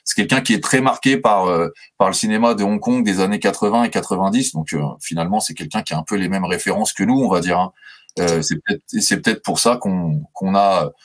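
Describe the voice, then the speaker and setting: A man's voice: low voice, brisk. A man co-hosting a film podcast, talking hesitantly with many fillers and restarts. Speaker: podcast co-host.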